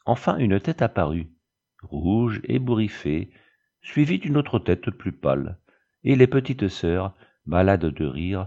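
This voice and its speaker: A man narrating a storybook tale in a measured, even reading. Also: low voice, muffled recording.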